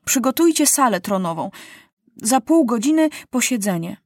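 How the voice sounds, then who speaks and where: A woman voicing a proud, quick-tempered young boy king who gives commands in a storybook reading. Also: a little high, sing-song, no room sound, studio quality, pitched above the performer's own voice. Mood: stern command. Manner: commanding, scolding.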